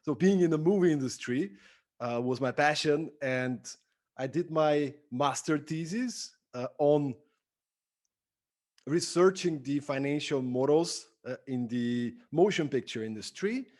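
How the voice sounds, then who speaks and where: The Bulgarian entrepreneur and productivity speaker sits as a podcast guest, sounding on the high side and a little slow, with a darkish tone. He answers in a conversational, enthusiastic way, stressing his points emphatically.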